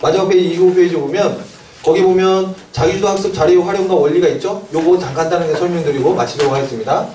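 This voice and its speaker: Guy lecturing fast to a room of academy owners, keeps asking em questions, mellow voice, echoey hall. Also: high voice, fairly even intonation, a little hiss or hum. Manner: asks the audience questions and answers them himself. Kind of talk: seminar lecture. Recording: echoey room, mic at a distance.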